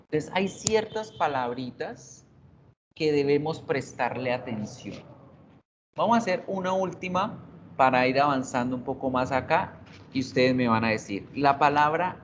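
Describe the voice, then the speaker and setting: A woman teaches basic English over a video call, explaining slowly and patiently. Her audio is dull and lo-fi, with faint hiss behind it. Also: rumbling low, lively intonation. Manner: explains patiently, mixing Spanish and English, checks in with "right?" and "¿sí?". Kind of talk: online class lecture. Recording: dull lo-fi online class audio.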